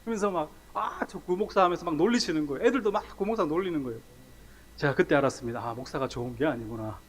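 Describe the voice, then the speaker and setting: A middle-aged South Korean missionary preacher delivers a sermon with personal testimony in a church sanctuary, picked up by the church sound system mic. His voice is on the high side and racing as he tells his own story in an animated way, acting out the scenes and laughing at himself.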